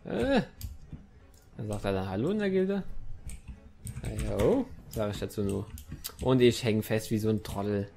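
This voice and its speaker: A man's voice: on the low side, expressive, a little slow, creaky, long pauses, mellow. A young man commenting on his own gameplay in a chatty let's-play style, talking to the game and his viewers and swearing now and then. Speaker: gaming YouTuber.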